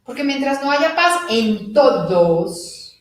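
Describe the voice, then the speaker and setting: High-voiced woman in an echoey room. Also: slow pace. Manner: animated, acts out little dialogues, laughs with the audience. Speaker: spiritual teacher. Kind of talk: live talk to an audience. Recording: echoey room from a distant mic.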